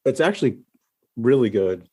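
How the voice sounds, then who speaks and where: A man's voice: mid-range voice, big pitch swings, moderate pace, dark tone, breathy edge. A man co-hosting a casual comedic podcast chat, laughing often and swearing freely. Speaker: podcast co-host.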